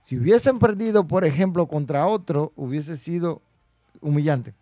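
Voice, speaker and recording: A man's voice: on the high side, moderate pace, mellow, no room sound. A man hosting a wrestling podcast, ranting indignantly about booking decisions and reading listener comments aloud. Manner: indignant, mocking, reads chat comments aloud. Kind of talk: animated solo commentary. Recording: dry close-mic with faint music.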